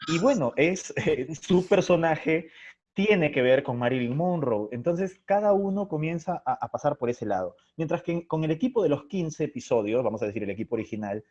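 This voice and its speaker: The interview guest, a theatre playwright and director, has a slightly mellow voice on the higher side with lively intonation and a normal pace. He reflects expressively and thinks aloud as he explains, heard over a muffled, lo-fi online call.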